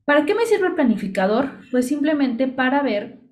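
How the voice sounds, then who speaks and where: A woman's voice: sits high, big pitch swings, normal speed. A woman giving a screen-share tutorial on social media tools, chatty and explanatory, walking through each click step by step. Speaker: social media business coach.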